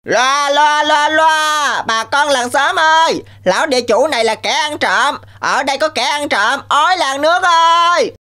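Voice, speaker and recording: A woman's voice: fairly high pitch, animated, a little fast, a bit bright. A woman voicing a brave little male rooster in a cartoon, speaking boldly and scolding. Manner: bold, scolding.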